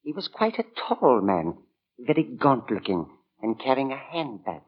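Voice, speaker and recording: Old gentleman, swooping intonation, medium pitch, fussy, precise, formal, radio play, muffled vintage sound. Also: sing-song, normal speed, slightly rough. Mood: precise, confiding. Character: fussy, certain elderly gentleman witness. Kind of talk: 1940s radio drama acting. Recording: dull vintage radio recording.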